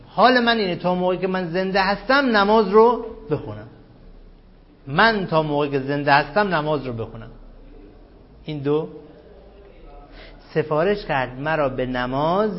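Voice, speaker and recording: A man teaching grammar in a classroom lecture, quizzing students with repeated questions and slowly repeating key terms. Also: high-pitched. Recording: dull lo-fi recording.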